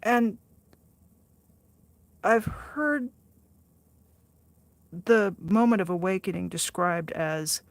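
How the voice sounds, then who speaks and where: Speaking very slowly and pausing often, this sixty-something art livestreamer has a mid-range voice and no audible room sound. She's chatty as she responds to her chat, laughing a lot, poking fun at herself, and restarting frequently.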